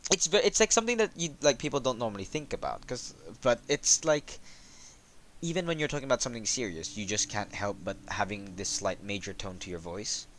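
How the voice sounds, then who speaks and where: A man hosting a casual chat about developing a game, talking in a monotone with lots of halting fillers. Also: mid-range voice, a little hiss or hum.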